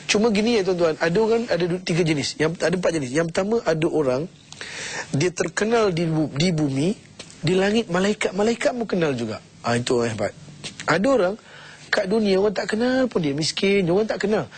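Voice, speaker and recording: A middle-aged preacher, a man with a husky, slightly high voice. He delivers a motivational sermon to his congregation in a lively, chatty way. His voice leaps up and drops back down as he stresses his points. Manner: lively, swinging up and down in pitch, repetitive and conversational.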